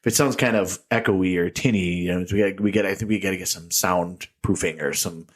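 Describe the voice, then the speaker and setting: A man with a low voice talks fast while co-hosting a casual beer podcast, rambling through jokey tangents and laughing often. The recording comes from a small echoey room and sounds tinny.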